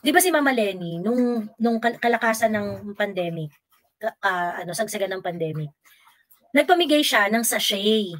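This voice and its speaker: A woman's voice: mid-range voice, lively intonation, moderate pace. A woman giving heated political commentary as a vlogger and livestreamer, sarcastic and mixing Filipino with English. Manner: mocks opponents by quoting them in exaggerated voices.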